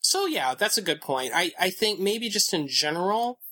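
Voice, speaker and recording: A man's voice: high voice, very animated, moderate pace, sharp tone. A man co-hosting a casual podcast chat, thinking aloud with many fillers and restarts. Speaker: podcast co-host.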